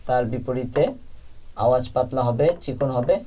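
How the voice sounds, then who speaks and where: A man's voice: medium pitch, level tone, normal speed, dark tone. A man teaching Quran recitation, patiently explaining letter sounds and repeating each one for practice. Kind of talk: step-by-step pronunciation lesson.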